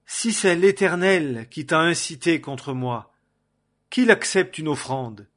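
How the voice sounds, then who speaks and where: A man's voice: mid-range voice, fairly even intonation, unhurried, fairly bright tone. A man voicing a young male warrior, declaiming in a raised voice. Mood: pleading.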